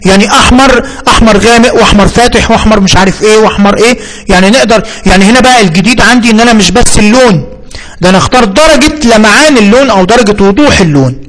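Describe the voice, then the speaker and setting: Egyptian man, high voice, hesitant teacher, repeats himself while explaining software. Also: racing, rough recording. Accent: Egyptian Arabic. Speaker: computer instructor. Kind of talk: screen-reader software tutorial.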